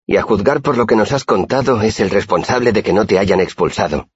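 An excitable, blunt young student who exclaims hotly, as a man puts him on. His voice sits higher than the narrator's and keeps its husky grain. The recording is dull and dry. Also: a little fast, dry recording. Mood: heated. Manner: heated, exclaiming. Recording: dull, muffled audiobook recording.

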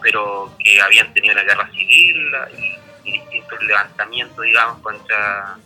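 A man's voice: lowish voice, normal speed, pushed and bright, soft background music, rough recording. A man with a Chilean accent casually discussing history, rambling with many restarts and fillers. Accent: Chilean Spanish.

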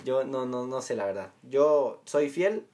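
A man's voice: mid-range voice, animated, unhurried, darkish tone, a little hiss or hum. A man hosting a joking casual chat, teasing his friend and repeating his name. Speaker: host.

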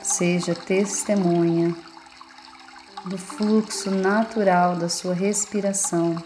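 With a lowish, slightly mellow voice and fairly even intonation, a Brazilian-accented woman guides a meditation soothingly and without hurry. She leaves lingering pauses between brief phrases, with soft music playing behind her.

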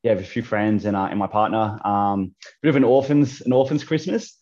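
A man's voice: fairly low pitch, brisk, darkish tone, muffled recording. Hesitant Australian man in his thirties. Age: 30s. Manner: hesitant, many fillers and restarts. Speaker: podcast guest. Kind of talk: casual chat.

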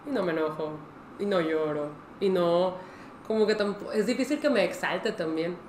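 A woman's voice: on the low side, normal speed, a little mellow. A young woman, co-hosting a podcast in casual, reflective chat. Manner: chatty, reflective, interjects. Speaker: podcast co-host. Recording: roomy echo, faint noise.

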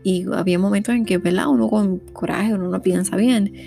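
Woman, Puerto Rican accent, mellow gravelly voice, casual parenting talk, faint music behind. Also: mid-range voice, steady tone, a little fast. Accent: Puerto Rican Spanish. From Puerto Rico. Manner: conversational, frequent "¿verdad?" fillers. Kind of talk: casual monologue.

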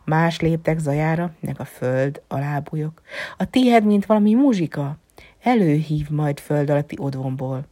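A soft, wistful fox , as a woman reads him aloud murmurs in a low, breathy voice that slips into whispers. The storybook reading is close and dry, with no room sound. He speaks gently and thoughtfully. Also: expressive, no room sound. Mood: musing. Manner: soft, musing, often dropping to a whisper. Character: gentle wistful male fox, lonely and wise.

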